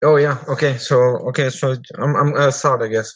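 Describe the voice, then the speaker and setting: A man's voice: mid-range voice, steady tone, fairly quick, no echo, poor audio. A man in his thirties from Peru, a medical doctor, chatting casually in a community AMA, hesitant with many restarts. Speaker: project founder, medical doctor.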